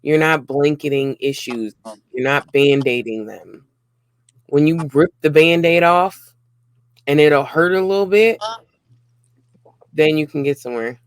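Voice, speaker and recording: A man's voice: fairly high pitch, a little slow, pauses often, smooth, no room sound. A man co-hosting a casual relationship talk, speaking earnestly in short repeated phrases. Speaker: co-host of a relationship channel.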